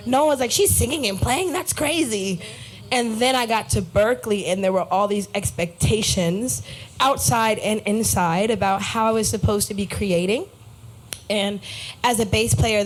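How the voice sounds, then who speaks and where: Young woman, american, earnest and reflective, mid-pitched, live cafe talk. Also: poor audio. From United States. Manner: warm, earnest and reflective, with lively quoted voices. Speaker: guest musician. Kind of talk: casual live interview. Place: live cafe event before an audience.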